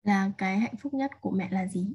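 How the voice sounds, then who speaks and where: A woman's voice: medium pitch, fairly quick, a little mellow, slightly rough. A woman student translating sentences aloud as she answers in class.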